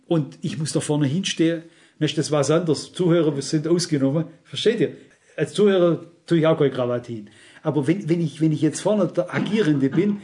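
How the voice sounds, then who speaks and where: A man's voice: on the high side, darkish tone. A male preacher giving a sermon, earnest and emphatic, often turning to the congregation with direct questions. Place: church service.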